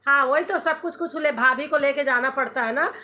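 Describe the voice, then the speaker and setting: Bright high-voiced Chhattisgarhi woman chatting. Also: brisk, muffled recording. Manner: chatty, switching between Hindi and dialect, reading out comments. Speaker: live-stream host. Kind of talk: casual live-stream chat with viewers. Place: home.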